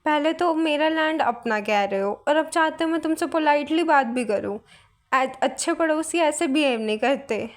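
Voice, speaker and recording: A woman's voice: high voice, normal speed, natural voice. A woman voicing a quarrelsome, hypochondriac young male landowner who insists and protests. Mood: indignant. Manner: indignant, insistent retelling in Hindi-English mix.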